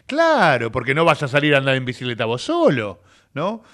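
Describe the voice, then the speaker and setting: A man with a Rioplatense Spanish accent, hosting a radio show in chatty, animated talk full of filler tags. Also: medium pitch. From Argentina. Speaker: radio host. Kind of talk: casual radio chat. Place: radio studio.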